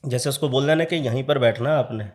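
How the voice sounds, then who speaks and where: A man with a mid-pitched voice tells a true horror story as a podcast guest. His telling is casual and lively, and he acts out each voice in the dialogue. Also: quick pace. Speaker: tantric practitioner, podcast guest.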